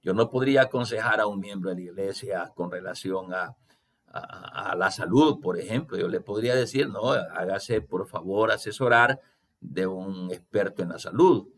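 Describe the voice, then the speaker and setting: A man's voice: low voice, normal speed. A man pastor preaching a sermon, asking rhetorical questions and acting out quotes, often hesitating and repeating words.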